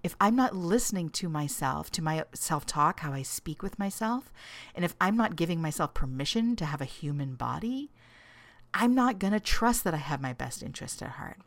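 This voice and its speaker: A middle-aged woman coaching listeners on self-kindness, talking in a gentle, encouraging way, often checking in with "right?", laughing often and dropping into soft whispered asides. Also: lowish voice, expressive, normal speed, dry recording. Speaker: self-love coach and podcast host. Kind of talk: casual reflective monologue. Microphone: studio microphone.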